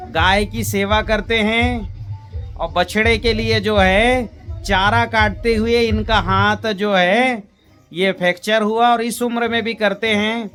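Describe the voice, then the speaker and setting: A male vlog host talks casually. His pitch is high for a man, and faint music runs behind him. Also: fairly bright tone. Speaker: video host interviewing his grandfather. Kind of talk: casual vlog presenting and interviewing.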